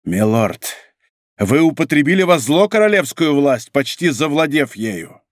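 A man's voice: on the high side, sing-song, unhurried, no room sound, clean studio sound. A man voicing a grim young zealot officer who speaks in a stern, solemn, accusing way.

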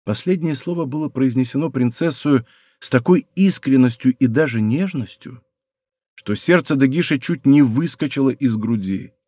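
Measured male audiobook narrator. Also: mid-range voice, no room sound, studio quality. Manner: measured, expressive storytelling. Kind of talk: scripted literary narration. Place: recording studio.

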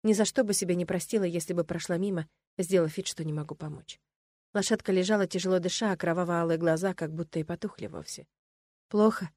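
A woman's voice: fairly low pitch, steady tone, fast, a little mellow, no echo. Woman narrating a fantasy audiobook, dry.

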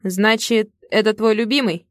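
A woman voicing a calm young male coach. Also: medium pitch, moderate pace, no room sound, studio quality, natural voice. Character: easygoing young male coach, gentle friend.

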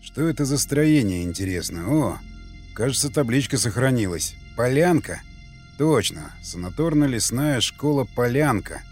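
A man voicing a gruff, wary squad commander who gives curt orders. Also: medium pitch, lively intonation, normal speed, darkish tone, faint music behind, lightly acted. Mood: tense.

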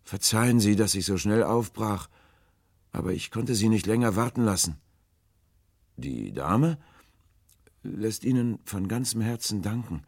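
A man putting on a frightened old castaway's voice, pitched higher than his own, halting and full of hopeless sorrow. The husky voice stays close and dry, as in an audiobook reading. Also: a little mellow, no echo. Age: older. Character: frightened, starving old man adrift at night. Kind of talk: audiobook character voice.

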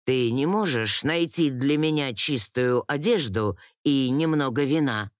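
A weary young nobleman speaks low and quietly, holding himself in check, as a woman reading a storybook voices him. His words come slowly and close to the mic. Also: no room sound. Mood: tired request.

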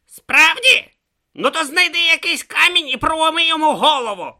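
A reader voicing a tiny petulant tortoise god who whines, yells and snaps sarcastically in an audiobook. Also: animated, moderate pace, full character voice. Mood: scornful. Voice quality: shrill, whiny, yelling. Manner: shrieking tantrums and sarcastic retorts. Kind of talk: audiobook character voice.

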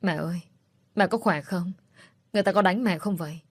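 A woman's voice: lowish voice, fairly quick, no room sound, close to an everyday voice. A woman voicing an anxious young daughter who pleads tearfully with her mother in a read-aloud story. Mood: pleading.

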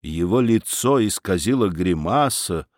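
Casting: male audiobook narrator, lively pitch, slow, dry close sound. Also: no echo. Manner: expressive storytelling.

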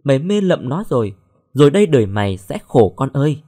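A man voicing a blunt, sharp-tongued middle-aged mother in an audio story, scolding her daughter. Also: medium pitch, very animated, brisk.

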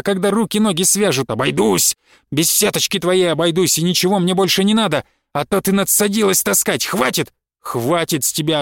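A man's voice: sits high, gravelly, dry recording, studio quality. A man reading aloud and voicing a spiteful, embittered husband who drags his words out with a sneer and flares into angry outbursts. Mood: furious. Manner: sneering, drawn-out, flaring into shouts.

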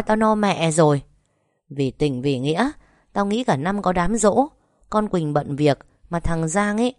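A woman voicing a hot-tempered older mother-in-law who shouts and curses at her relatives. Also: lowish voice, dry recording, studio quality, close to an everyday voice. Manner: shouting, cursing, bossy.

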